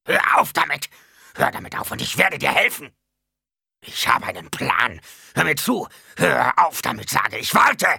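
A man's voice: mid-range voice, very animated, a little slow, creaky, pushed and bright, husky, no room sound, studio quality, pitched above the performer's own voice, heavily acted. A man voicing a possessed woman who rages and barks orders in the voice of an old baron. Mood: raging. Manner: raging, commanding.

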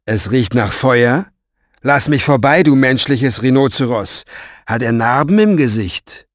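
A man voicing a pompous, fawning, tipsy grown man with a loud, drawling, theatrical delivery in an audiobook reading. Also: mid-range voice, expressive, unhurried, breathy edge, no echo, clean studio sound. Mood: haughty.

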